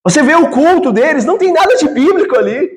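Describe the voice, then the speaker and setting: A man's voice: very high voice, animated, quick pace. A Brazilian man, a pastor, preaching an expository sermon in a church and often asking the congregation rhetorical questions.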